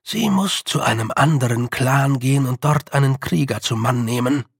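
A man's voice: mid-range voice, steady tone, husky, no room sound, studio quality. A man voicing a polite, well-spoken male clan bard who rolls his R, in an audiobook. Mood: courteous. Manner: courteous, measured, rolled R.

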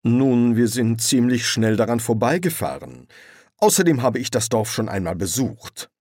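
A man voicing a gentle, fussy male angel in an audiobook, prim and earnest, with his voice slightly raised. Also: mid-range voice, expressive, moderate pace, dry recording, clean studio sound. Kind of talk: audiobook character voice.

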